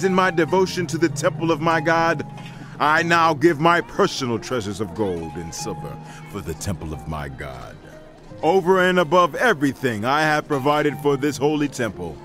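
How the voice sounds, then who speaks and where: An actor playing a devout king in a dramatized scripture audiobook, declaiming solemnly and fervently. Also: a little high. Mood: solemn, earnest. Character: King David, devout male ruler addressing his people and God. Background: music.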